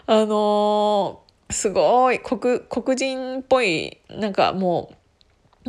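A woman's voice: medium pitch, darkish tone. Chatty woman laughing between stories. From Gunma, Japan. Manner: chatty, laughs often, many fillers. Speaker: podcast host. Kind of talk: casual solo chat.

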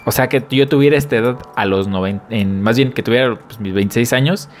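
A man's voice: medium pitch, quick pace, slight background noise. A Mexican man in his twenties chatting casually on a podcast like a laid-back bro, in slangy, crude talk. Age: 20s. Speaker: podcast co-host.

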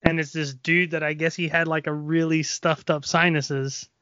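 Nasal, higher-voiced man chatting loosely. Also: level tone, normal speed, bright, forceful tone, no echo, highs cut off. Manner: rambling, loose storytelling with many fillers. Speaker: podcast co-host. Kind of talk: casual chat. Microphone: XLR microphone.

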